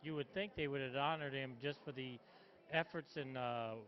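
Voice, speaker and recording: A man's voice: mid-range voice, moderate pace. A man being interviewed about his father's honor, speaking in a proud, emphatic way. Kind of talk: casual interview. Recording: muffled lo-fi video sound.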